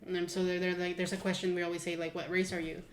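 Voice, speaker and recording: Young Mexican woman, animated podcast co-host, laughing storyteller, echoey room. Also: lowish voice, racing, a little hiss or hum. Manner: animated, laughs while telling stories. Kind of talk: casual chat.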